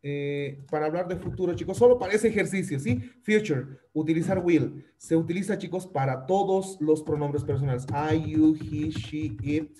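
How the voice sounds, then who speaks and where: A man's voice: on the high side, moderate pace, few pauses, warm tone, a little hiss or hum. A man teaching an English grammar lesson, repeating his points and often checking that the students understand. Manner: repetitive, checks understanding with frequent tag questions. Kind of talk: classroom lesson explaining grammar.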